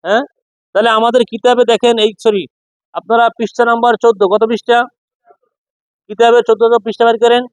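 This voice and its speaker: A man's voice: very high voice, flat delivery, fast talker, pauses often, no echo, low-quality recording. A man teaching Quran recitation rules, drilling his students with repeated questions and call-and-response. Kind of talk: classroom lesson.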